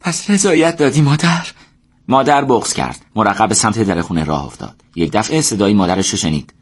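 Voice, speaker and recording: Man, storyteller, scripted narration, fairly low voice, steady measured delivery.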